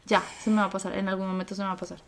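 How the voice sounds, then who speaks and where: A woman's voice: mid-range voice, flat delivery, rapid-fire. A woman with a Colombian accent co-hosting a podcast, chatting casually and giving listeners candid, straight-talking advice. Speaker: podcast co-host. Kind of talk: casual chat.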